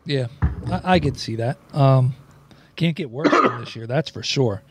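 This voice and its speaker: A man's voice: medium pitch, animated, a little slow, background noise. A man hosting a podcast, talking in a loose, chatty way with plenty of ums. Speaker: podcast host. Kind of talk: casual podcast chat.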